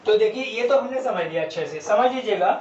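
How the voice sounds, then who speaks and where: A man's voice: high voice, expressive, quick pace, darkish tone. A male English teacher giving a classroom grammar lesson, spelling words out letter by letter and answering his own questions. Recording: roomy, distant, dull lo-fi sound with faint background noise.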